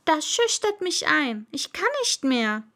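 A woman's voice: high-pitched, very animated, a little slow, fairly bright tone, voice pushed up, heavily acted. A woman doing a shy little prince. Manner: shy, polite questioning. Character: young boy prince, shy and wondering.

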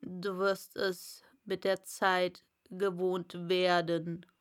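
Storybook caterpillar, haughty and curt, woman reader puts it on, low breathy drawl, very slow, a touch distant. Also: little pitch movement.

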